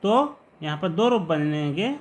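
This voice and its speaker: Male grammar teacher, a touch high-pitched, patient and repetitive explaining. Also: animated. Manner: patient, repeats each example word slowly. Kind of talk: explanatory lesson.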